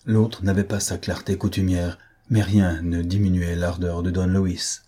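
Dark, husky male audiobook narrator. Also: low-pitched, flat delivery, measured pace.

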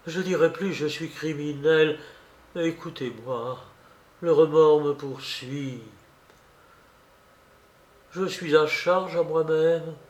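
Tearful pleading wife voiced by a man, raised pitch, slow delivery, roomy echo, audiobook reading. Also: darkish tone. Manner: pleading, theatrical, sobbing outbursts.

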